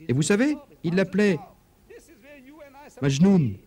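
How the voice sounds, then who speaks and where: Guy preaching a dubbed religious talk, kinda high voice, emphatic, lots of rhetorical questions. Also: sing-song, slow pace, dark tone. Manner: emphatic, rhetorical questions, big swings in pitch. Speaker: preacher lecturing an audience.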